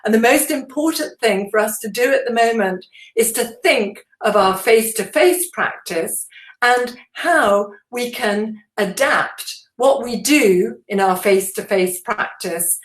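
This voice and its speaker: A woman trains teachers in an instructional presentation, explaining things in a measured way with deliberate emphasis. Her voice sits at medium pitch, and the recording sounds roomy.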